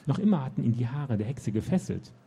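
Gravelly dark-voiced man narrating. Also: medium pitch, quick pace. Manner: dramatic, expressive storytelling. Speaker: audiobook narrator. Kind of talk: scripted fantasy audiobook narration.

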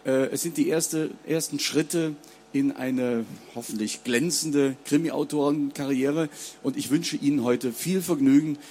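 Guy hosting a book reading, chatty, lots of ums, talks to the crowd, slightly high voice. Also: steady tone, measured pace, darkish tone, a little hiss or hum. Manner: chatty, addresses the audience, fillers. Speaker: event moderator. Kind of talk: introducing an author at a reading. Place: public book reading with audience.

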